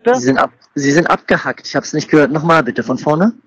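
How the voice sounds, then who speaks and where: A man's voice: on the high side, very animated, brisk, vocal fry, a bit bright. A man receiving a sales call on a crackly cordless phone line, who presses the caller with repeated questions. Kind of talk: phone conversation. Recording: muffled distant phone audio.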